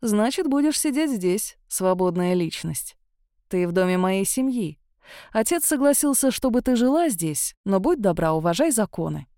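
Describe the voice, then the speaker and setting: Woman reading a calm, self-assured young man. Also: medium pitch, normal speed, no room sound, studio quality, natural voice. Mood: teasing.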